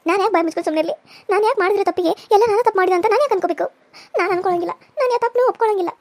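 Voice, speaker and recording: Woman doing a young bride, indignant, tearful, high voice, dry sound. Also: racing, darkish tone, no echo. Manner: shrill, protesting.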